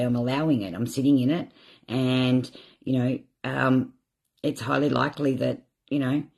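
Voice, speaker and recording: A woman with a husky, slightly breathy voice talks openly on a live stream. She rambles and reflects on her feelings, and she sounds tearful and worn out. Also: very deep voice. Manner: emotional, rambling, self-reflective. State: tearful, drained. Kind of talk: candid live stream monologue.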